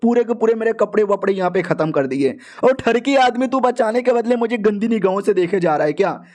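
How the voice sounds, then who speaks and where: A man voicing a feisty, quick-tempered young woman in a cartoon recap, scolding and indignant. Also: high voice, lively intonation, darkish tone, voice pushed up. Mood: alarmed, scolding.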